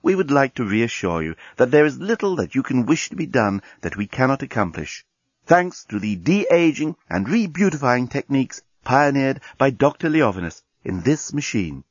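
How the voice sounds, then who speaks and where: Man doing a machine voice, polite, reassuring, calm, slightly dull recording. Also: mid-range voice, normal speed, breathy edge, no room sound. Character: soothing automated beauty machine voice.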